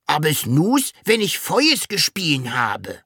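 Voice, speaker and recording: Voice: mid-range voice, lively intonation, takes it slowly, sharp tone, breathy edge, dry recording, studio quality, pitched above the performer's own voice, heavily acted. A narrator voicing a small, puzzled male dragon who swaps his R sounds for S in a storybook reading. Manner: lisping mix-up of R and S sounds.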